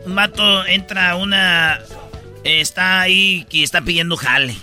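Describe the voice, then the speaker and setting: A man's voice: sits high, moderate pace, sharp tone, faint music behind. A Mexican man hosting a radio comedy show, telling jokes and acting out the punchlines. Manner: playful, acts out stuttering punchlines. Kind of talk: joke-telling banter.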